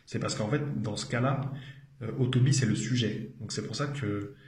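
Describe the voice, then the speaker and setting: A man's voice: lowish voice, moderate pace, darkish tone, roomy sound. A man giving an explanatory video lesson as a language teacher, patiently repeating each phrase with frequent hesitations.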